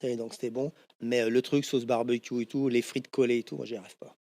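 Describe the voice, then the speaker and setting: Animated middle-aged French man. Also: mid-range voice, brisk, no room sound. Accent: French from France. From France. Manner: animated anecdotes, swears casually. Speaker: guest, tattoo shop owner. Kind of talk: casual storytelling interview.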